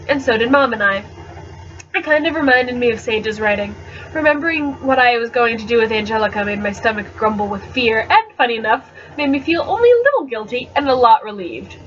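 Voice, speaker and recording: Reading a first-person novel on her webcam mic, an amateur woman reader is dramatic and expressive, with an occasional stumble. Her voice is a little high, and the audio is dull with slight noise.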